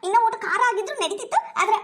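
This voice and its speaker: A woman's voice: extremely high pitch, lively intonation, quick pace, pitched above the performer's own voice. A woman playing a tearful, food-loving young village woman with a North Karnataka Kannada accent, weepy and giggly as she talks.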